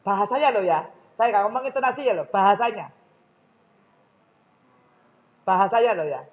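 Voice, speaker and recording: Man, Javanese accent, high voice, mosque lecture, dull lo-fi recording. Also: expressive, moderate pace. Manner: questions the audience directly. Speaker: public speaking trainer.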